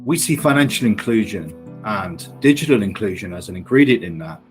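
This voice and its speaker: A man's voice: fairly low pitch, lively intonation, fairly quick. A man giving a formal prepared statement as a sponsor spokesperson. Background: faint music.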